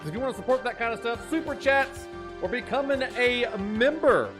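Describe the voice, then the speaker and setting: A man in his thirties hosting a live gaming stream, jokey and hype, greeting chat and dropping into deep mock-spooky asides. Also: lively intonation, brisk. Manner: hypey, jokey, shouts catchphrases, drops into a deep mock-spooky voice. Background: faint game music.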